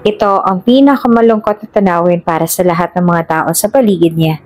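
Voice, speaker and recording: A woman's voice: on the low side, fairly quick, darkish tone. Woman reading a drama story aloud. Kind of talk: scripted story narration.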